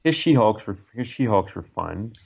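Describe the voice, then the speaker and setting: A man's voice: lowish voice, animated, normal speed, vocal fry, darkish tone, lo-fi sound. A man co-hosting a casual podcast chat, offhand and blunt with his opinions and given to crude jokes. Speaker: podcast co-host.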